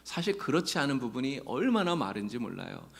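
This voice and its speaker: Preaching in a church sanctuary, this man addresses his congregation earnestly and tells folksy jokes between points of teaching. His mid-range voice is gravelly and sing-song, and he speaks fairly quickly.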